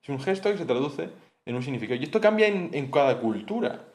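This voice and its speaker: A man's voice: on the high side, big pitch swings, fast talker, a little mellow. Chatty young man explaining lessons. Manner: chatty, rambling, with frequent fillers and "¿no?" checks. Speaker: student explaining course material. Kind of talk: casual spoken study lesson.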